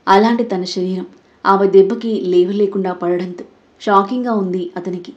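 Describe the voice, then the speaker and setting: A woman narrating a Telugu audio story in a steady, dramatic storytelling manner. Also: mid-range voice, normal speed, highs cut off.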